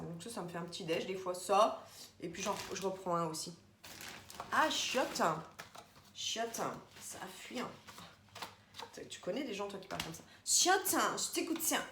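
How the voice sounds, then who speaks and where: A woman chatting casually through a grocery haul vlog, rambling and addressing viewers directly. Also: mid-range voice. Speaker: vlogger. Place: home, indoors. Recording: echoey room, faint background noise.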